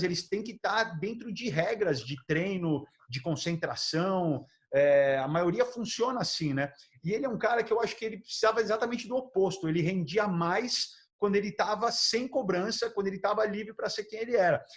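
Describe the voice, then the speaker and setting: Animated, high-voiced Brazilian man telling stories. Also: moderate pace, few pauses. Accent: Brazilian Portuguese. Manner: animated, laughing, acts out quotes. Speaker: podcast host. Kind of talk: casual storytelling chat.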